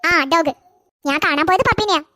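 Performer as defiant cartoon girl, very high and quick. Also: sharp tone, no echo, clean studio sound. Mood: coaxing. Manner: defiant, pleading. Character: stubborn teenage girl with a new puppy. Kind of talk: cartoon voice acting.

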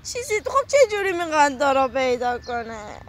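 A woman's voice: high voice, big pitch swings, slight background noise. A woman acting distressed and pleading in a hidden camera prank outdoors. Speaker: prank actress.

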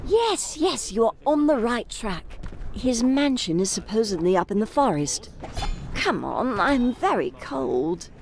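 An actor voicing a shivering, needy ghost guide in a cartoonish video game. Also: male voice, very high-pitched, big pitch swings, unhurried, gravelly, background noise, exaggerated voice. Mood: eager, pleading.

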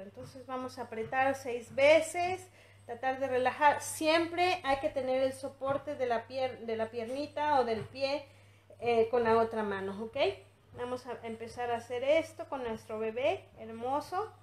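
A woman teaching baby massage step by step, speaking gently with frequent fillers and restarts. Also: high voice, normal speed. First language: English-teaching background, usually teaches in English. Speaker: infant massage instructor. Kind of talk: demonstration tutorial. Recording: echoey room.

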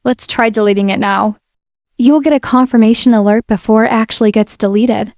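Her voice sits on the high side and moves fairly quickly as she narrates a casual app walkthrough, explaining each step in a relaxed, friendly manner. The woman is a software demo presenter recording a screen-captured voice-over on a voice-over mic. The sound is dry and clean, like a studio.

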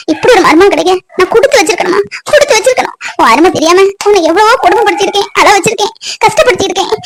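A bossy middle-aged mother-in-law from a cartoon, who nags and grumbles at her household. Her voice sits very high and piercing. She fires off her complaints at a quick clip. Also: a bit bright. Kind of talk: cartoon voice acting.

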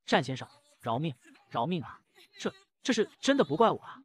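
A man's voice: a little high, very animated, very fast, breathy edge. A man doing a whiny, panicky rich boy.

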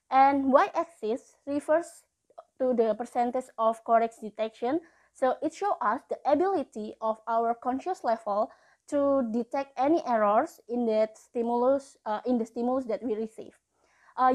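A woman's voice: high voice, darkish tone. A woman in her early twenties with an Indonesian accent, a non-native English speaker, explains a lesson to camera through a face mask that slightly muffles her voice. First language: not English. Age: early 20s. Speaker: explainer video host. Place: small indoor room.

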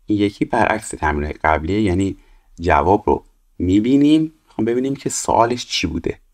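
A man teaching English, reading each phrase slowly and clearly and then explaining it quickly. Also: fairly low pitch, expressive. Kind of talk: explaining exercises step by step.

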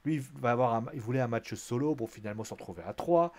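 A man's voice: medium pitch, fast talker, darkish tone. A man giving a casual, chatty recap of a wrestling show, full of fillers and acted-out quotes. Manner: chatty, lots of fillers, acts out quotes in a raised voice.

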